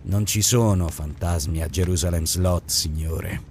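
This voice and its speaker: Man playing a gruff old barkeep. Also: sits low, measured pace, a little mellow, a little hiss or hum, voice pushed down. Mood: curt. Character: gruff old male bar owner, blunt and dry.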